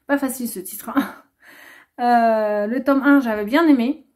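A woman's voice: fairly high pitch, unhurried, darkish tone. A young woman chatting casually through a book haul vlog, rambling with plenty of hesitations. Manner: chatty, rambling, many filler "euh"s. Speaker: booktuber.

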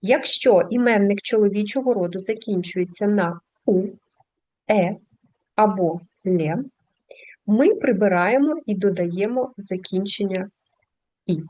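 A woman's voice: mid-range voice, unhurried, dark tone. A woman teaching a language lesson, patiently explaining step by step and reading out word lists.

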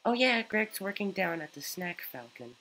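A man voicing a caring mother cat in a video game with a soft motherly lilt. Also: high-pitched, sing-song, moderate pace, voice pushed up, heavily acted.

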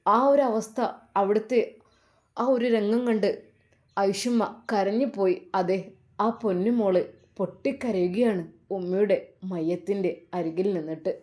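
A woman storyteller tells a sad religious tale. She narrates with strong emotion, breaking into exclamations. Her pitch sits at an ordinary middle level. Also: unhurried, darkish tone.

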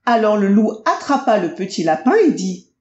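A woman narrating a children's audiobook in a slow, expressive storytelling manner. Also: medium pitch. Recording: roomy, dull lo-fi audio.

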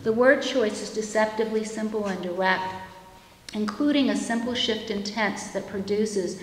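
A woman in her fifties gives a keynote lecture, reading measured and reflective prose from pages at a lectern microphone in a chapel-like hall. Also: medium pitch, a little hiss or hum. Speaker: keynote speaker. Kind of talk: reading a prepared lecture aloud. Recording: echoey room with long hall reverb.

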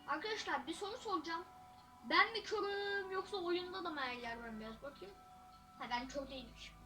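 A teenage girl giving casual, excitable gameplay commentary as a YouTuber, with loud outbursts and jokes. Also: very high-pitched, a little fast, faint music behind. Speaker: gaming YouTuber.

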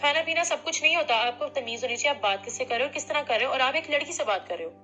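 A woman's voice: high voice, lively intonation, rapid-fire, pushed and bright, faint music behind. A young woman, arguing indignantly and insistently on a recorded phone call. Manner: indignant, insistent, repeats herself. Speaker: complaining client on a phone call. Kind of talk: heated phone argument.

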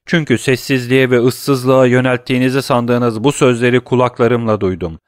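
A grief-stricken young lover hurls his accusations with rising, urgent force, as a male audiobook narrator puts him on. His voice sits higher and louder than the narration, pressing every phrase in a dry, close recording. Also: steady tone, moderate pace, no echo, close to an everyday voice. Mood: impassioned. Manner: impassioned, declaiming accusations.

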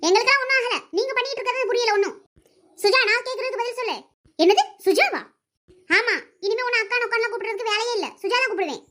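A woman voices a whole cartoon family in a squabble. Her voice sits extremely high and shrill, and she fires off scolding lines at a quick clip. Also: pushed and bright. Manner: quarrelsome, scolding, rapid back-and-forth. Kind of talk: cartoon voice acting of a family quarrel.

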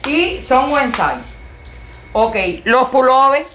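A woman with a loud, high voice, chatting playfully and joking about herself while she models clothes in a boutique for a vlog. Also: very animated, slow, a little hiss or hum. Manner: playful, joking, self-mocking.

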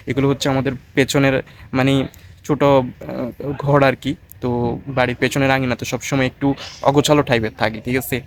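A man with a medium-pitched voice rambles through a casual vlog by a backyard pond, speaking straight to his audience. He's a bit tired from cleaning his bicycle and talks softly to avoid the neighbours hearing. The rough recording carries a faint hiss or hum.

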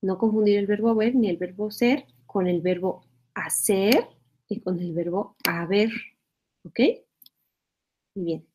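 A woman's voice: medium pitch, measured pace, long pauses, a little mellow. A woman teaching a spelling lesson, explaining patiently, repeating phrases and checking in with her students.

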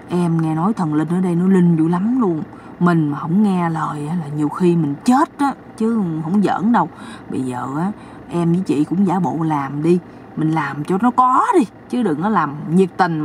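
A woman voicing a sly, scheming young man who talks in a low, hushed, coaxing way, recorded from a distance. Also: normal speed, close to an everyday voice. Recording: distant mic, faint background noise.

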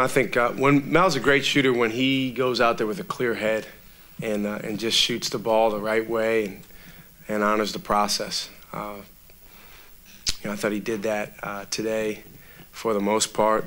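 Seated before a sponsor backdrop in the press room, a thirties-aged man who coaches college basketball answers the media after the game. His voice sits on the low side, and he talks into a table mic in a calm, measured manner, using lots of filler words.

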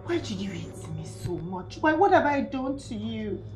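A woman's voice: on the high side, big pitch swings, moderate pace, echoey room, music in the background. An actress with a Nigerian accent playing a frightened young woman who begs to be let go. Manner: frightened, pleading.

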